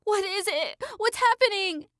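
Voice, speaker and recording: A man voicing a wary sixteen-year-old girl caught in danger, in an audiobook, with a high, anxious, drawn-out delivery. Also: expressive, fairly bright tone, exaggerated voice. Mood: panicked.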